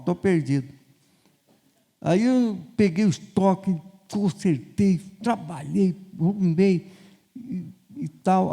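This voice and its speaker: An older bishop with a Brazilian Portuguese accent and a high voice tells stories in a sermon inside a church sanctuary. He's animated, acting out the dialogue in quoted voices. The church hall gives the recording a long reverb.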